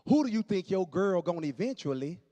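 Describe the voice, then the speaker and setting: A man in his late forties doing animated stand-up storytelling on stage, dropping to low asides and jumping up for punchlines. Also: fairly quick, dull audio. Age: 40s. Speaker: stand-up comedian. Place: church hall on stage. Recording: long hall reverb.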